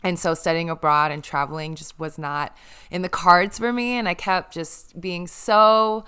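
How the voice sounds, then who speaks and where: A young woman hosts a casual podcast chat, earnest and moved, with a lower voice. Her tone is bright and crisp, with very clean, smooth articulation. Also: fairly even intonation, a little slow. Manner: emotional, earnest, grateful. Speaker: podcast host.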